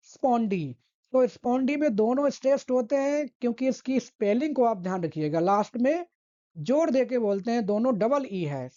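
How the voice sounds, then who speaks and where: Woman teacher, higher mellow voice, bit dull lo-fi sound, keeps asking the class questions. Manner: patient, repeats key terms and asks the class questions. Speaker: English literature teacher. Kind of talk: exam-prep lecture.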